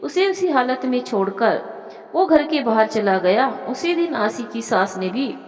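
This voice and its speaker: Woman storyteller, lively melodic read, fairly high voice, roomy echo. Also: unhurried. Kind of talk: storytelling narration. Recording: echoey room with long reverb.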